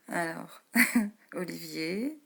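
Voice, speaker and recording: A woman energy healer hosting a live stream, greeting viewers by name in a slow, gentle way, often laughing and dropping into soft whispers; she says her voice is low. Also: vocal fry, husky. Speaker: energy healer and meditation host.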